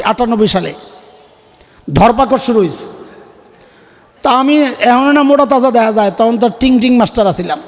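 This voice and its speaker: A man in his fifties from Bangladesh preaching a fiery, humorous sermon, joking and shouting rhetorical questions to the crowd through a PA microphone. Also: very high voice. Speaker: Islamic preacher. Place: religious gathering at a school ground. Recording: reverberant PA sound with long echo.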